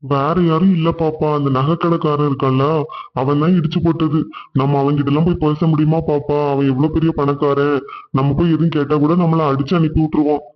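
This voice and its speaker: Man voicing a kind devout father in a cartoon, calm, reassuring, fairly high voice, dull lo-fi sound. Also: brisk, close to an everyday voice. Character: gentle, devout poor father.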